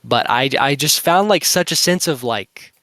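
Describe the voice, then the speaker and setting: A man's voice: fairly high pitch, animated, normal speed, sharp tone, no room sound, studio quality. A young man co-hosting an anime review podcast, rambling in casual chat with lots of filler words. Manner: rambling, heavy use of "like" fillers. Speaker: podcast co-host.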